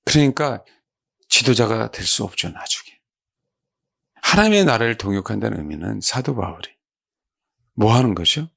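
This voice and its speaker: A man preaching a sermon as a pastor. He asks his congregation rhetorical questions and softly repeats key words. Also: on the low side, normal speed, vocal fry, pauses often. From South Korea. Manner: lively, exclaiming.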